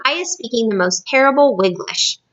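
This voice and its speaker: A woman voicing a big, gentle male giant who jumbles his words, read from a storybook. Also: on the high side, animated, a little fast, dull audio. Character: big friendly male giant, muddled speech.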